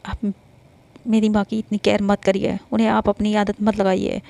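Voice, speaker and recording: A woman's voice: medium pitch, completely flat delivery, normal speed, gravelly, mellow, lightly acted. A woman voicing a young woman worried about her sick mother who speaks in a defensive, pleading way.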